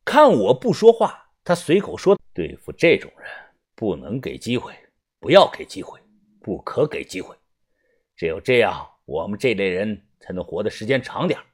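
A man voicing a cold, ruthless male gang leader who talks low, slow and flat with quiet menace. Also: breathy edge. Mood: calm, lecturing.

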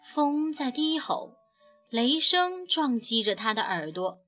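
A woman gently and expressively narrating a children's picture book. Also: high-pitched, very animated, slow. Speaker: storyteller. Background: soft background music.

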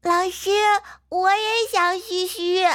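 A woman's voice: very high-pitched, fairly even intonation, slow, fairly bright tone, pitched above the performer's own voice, exaggerated voice. A woman voicing a timid little child starting kindergarten, small and whiny, close to tears. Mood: gentle. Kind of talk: storybook reading.

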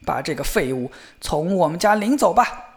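A frantic church wife played by a male storyteller, yelling her accusations in a high, raised voice. She sounds shrill and lively. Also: normal speed, vocal fry. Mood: furious. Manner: loud and accusing.

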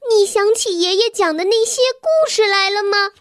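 A woman voicing an eager little boy mouse in a children's story, speaking in a thin, high voice. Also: moderate pace, fairly bright tone.

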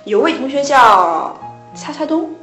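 A woman's voice: high voice, animated, unhurried, fairly bright tone, reverberant, faint music behind. A woman co-hosting a casual English lesson talk, explaining pronunciation points patiently, step by step. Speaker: English tutor co-host. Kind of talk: casual radio-style chat.

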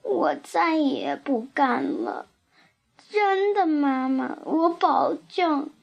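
A woman voicing a huge, boastful male giant in a storybook, loud and blustering. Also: high-pitched, very slow, gravelly, dull audio, exaggerated voice. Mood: whimpering.

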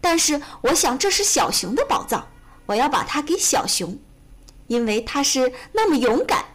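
A woman voicing a calm, steady young boy frog who talks in a reassuring way in a children's storybook. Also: high voice, normal speed. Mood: proud.

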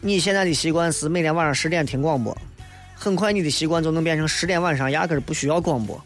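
Higher-voiced Shaanxi-accented man hosting radio. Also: fast talker, soft background music. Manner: colloquial, blunt, philosophizing. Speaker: radio host. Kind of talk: casual late-night radio monologue, reading and answering listener messages.

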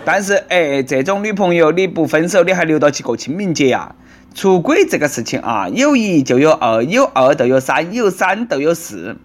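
A man with a Nanchong Sichuanese accent riffs on the news in a sarcastic, teasing tone. His voice sits a little higher than most men's. He talks to his listeners as if chatting with friends. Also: big pitch swings, moderate pace, a little hiss or hum. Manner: sarcastic, bantering. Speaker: comedic news commentator. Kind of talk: comic news commentary.

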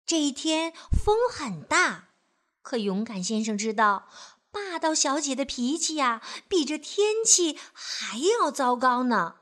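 A woman storyteller reading a picture book aloud to children, gentle and expressive. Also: high voice, slow pace.

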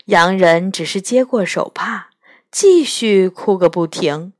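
A woman reading a children's storybook aloud slowly, expressively and gently. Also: fairly low pitch, dry recording, studio quality.

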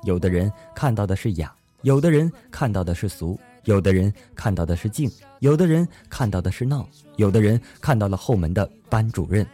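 Lively, smooth-paced male radio joke teller. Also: fairly low pitch, fairly quick, few pauses, faint music behind. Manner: animated storytelling, acts out punchlines. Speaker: radio show host. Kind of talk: lively comedic joke-telling radio narration.

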